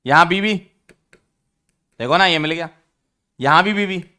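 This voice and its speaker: A man teaching an online chemistry lesson, teasing his students and repeating key rules slowly for emphasis. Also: a little high, sharp tone. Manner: teasing, addresses students as beta.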